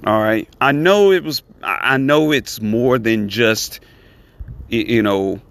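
Male solo podcaster, mid-pitched, very measured commentary with halting, emphatic phrasing. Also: creaky, a bit bright, dry recording. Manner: deliberate, halting phrasing with repeated words and emphatic pauses. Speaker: podcast host.

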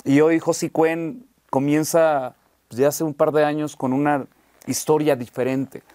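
A man's voice: fairly high pitch, steady tone, unhurried, a little mellow, dry recording. A man hosting an interview, supportive and chiming in with short affirmations. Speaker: interview host. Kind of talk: casual conversational interview.

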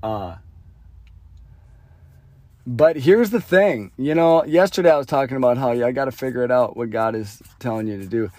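A man talks alone into the mic, thinking aloud in an earnest, meandering way and often trailing off softly. His voice sits at an ordinary middle pitch. The sound is dry and close, with no room around it. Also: normal speed, long pauses, no room sound. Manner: rambling, heavy with fillers, trails off quietly. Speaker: podcast host. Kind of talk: reflective solo monologue.

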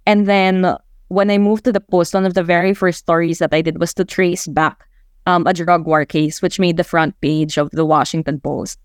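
Answering interview questions, a woman journalist from the Philippines in her twenties talks reflectively at normal speed, her voice on the low side, steady and clean. She has a Filipino accent and sometimes mixes Tagalog into English, and the recording is dry, clean studio sound.

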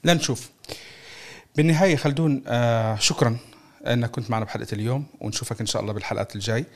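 A man's voice: medium pitch, rapid-fire. A man with a Levantine Arabic accent hosting a football podcast in a casual, chatty style. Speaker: podcast host.

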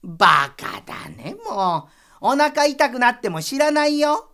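A woman voicing a miser's wife who scolds him sharply and quickly. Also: sits high, sing-song, a bit bright, heavily acted. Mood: scolding.

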